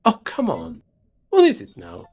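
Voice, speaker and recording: A man's voice: high voice, wildly swooping pitch, measured pace, a little mellow, pitched above the performer's own voice, heavily acted. A man doing a grumpy, sarcastic train conductor. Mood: grumbling. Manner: sarcastic, grumbling.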